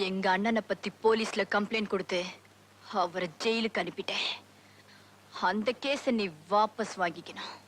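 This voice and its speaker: A woman's voice: medium pitch, moderate pace, a bit bright, a little hiss or hum, close to an everyday voice. A woman playing a scornful wronged heiress. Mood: pleading. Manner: scornful, taunting. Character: wronged rich young woman, defiant and bitter. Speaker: film character. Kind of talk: 1970s Tamil film acting.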